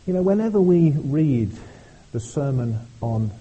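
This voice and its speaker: A man's voice: a little high, lively intonation, warm tone, slightly rough, highs cut off. A man preaching a sermon at a church service, speaking earnestly and often repeating words as he goes. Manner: earnest, halting delivery with frequent repeated words.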